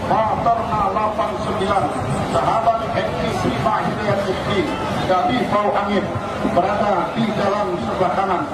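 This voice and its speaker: A man gives live race commentary as an announcer, reciting long names in formulaic, repeated phrases. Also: sits high. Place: outdoor riverside race event. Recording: distant echoing PA, loud outdoor crowd noise.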